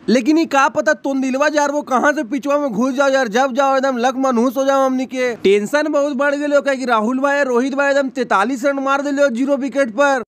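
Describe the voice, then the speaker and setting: A man with a very high-pitched, somewhat bright voice dubs comic lines over cricket press-conference clips using a close mic. He jokes and rambles in dialect banter.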